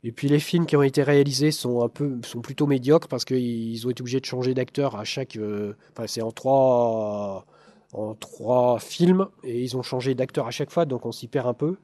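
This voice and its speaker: A man from France gives a talk to a live audience, his voice mellow and darkish. He hesitates a lot, fills pauses and restarts his sentences, and throws in dry asides to the audience. The sound is close and dry. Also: medium pitch, no echo. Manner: hesitant, many fillers and restarts. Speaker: lecturer. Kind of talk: live conference talk with slides.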